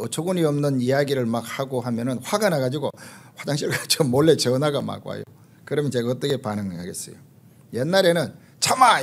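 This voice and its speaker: A middle-aged man, a pastor, preaching a sermon and telling stories full of acted quotes, pausing often on "uh". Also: mid-range voice. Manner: storytelling with acted quotes, frequent "uh" fillers.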